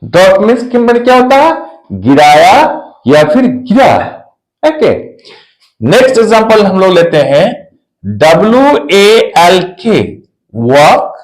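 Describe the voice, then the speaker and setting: A man's voice: sits high, sing-song, reverberant, rough recording. A man teaching an English pronunciation lesson, spelling out letters one by one and repeating each word several times so learners can copy it. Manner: slow, spells out letters and repeats words for drilling.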